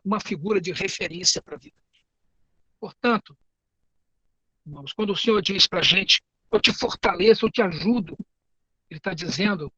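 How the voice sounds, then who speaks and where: Um homem com sotaque brasileiro que prega um sermão sincero, conta histórias e repete palavras e frases. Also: male voice, high-pitched, bright, forceful tone, breathy edge, no echo, rough recording. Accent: Brazilian Portuguese. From Brazil. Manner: earnest, storytelling, repeats words and phrases. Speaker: preacher and teacher. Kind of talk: sermon.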